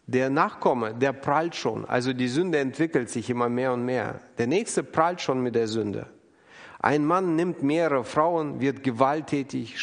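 A man preaching an earnest, emphatic sermon, acting out the people he quotes. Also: mid-range voice. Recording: long hall reverb.

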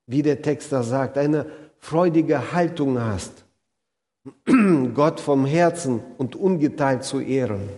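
Here the preacher's voice is a little high with a darkish tone. Addressing his congregation earnestly, he brings stories to life as he delivers his sermon in a hall with long reverb.

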